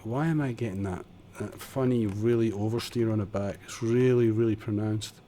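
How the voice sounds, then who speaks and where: With a lowish, dark voice at normal speed, a man chats over slight background noise. He's streaming a building game from his home desk condenser mic, offering casual tutorial commentary, muttering as he builds and making light of himself.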